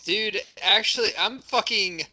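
High, very bright man joking around. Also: unhurried. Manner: profane, rambling. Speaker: podcast co-host, comic correspondent. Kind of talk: joking mock field reporting.

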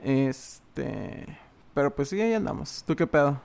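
A young man with a Mexican accent, a podcast guest chatting in a relaxed, slangy way. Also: a little high, unhurried, gravelly. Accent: Mexican Spanish. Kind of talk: casual podcast banter.

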